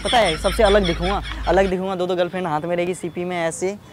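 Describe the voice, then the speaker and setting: A man's voice: sits high, level tone, fast, background noise. Teasing young man joking outdoors. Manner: teasing, boastful, repeats himself. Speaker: prank video host. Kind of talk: casual outdoor prank banter. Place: outdoors in a public place.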